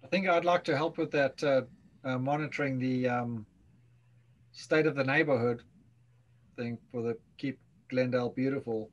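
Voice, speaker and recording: A middle-aged man in an office offers, in a halting way, to help during a meeting held over a video call. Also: medium pitch, highs cut off. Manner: halting, hesitant. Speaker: meeting participant.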